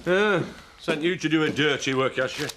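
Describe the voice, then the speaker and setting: A man's voice: moderate pace, background noise, natural voice. An actor playing a menacing, possessive man in a television soap drama, threatening and contemptuous. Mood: hostile. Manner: threatening, contemptuous, growling low at times. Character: menacing, possessive man defending his farmhouse.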